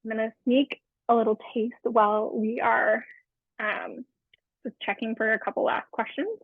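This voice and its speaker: A woman's voice: on the high side, fairly even intonation, normal speed, husky, no room sound. A woman in her thirties, a dietitian, explaining nutrition in a friendly way with many fillers during a live webinar cooking demo. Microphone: remote webinar call. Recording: tinny phone-like webinar audio.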